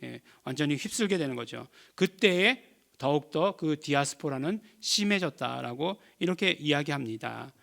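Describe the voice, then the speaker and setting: A pastor preaching a sermon, explaining patiently, asking the congregation questions and answering them himself, with frequent fillers. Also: male voice, fairly high pitch, animated, moderate pace, creaky, fairly bright tone. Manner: many "eo" and "ye" fillers.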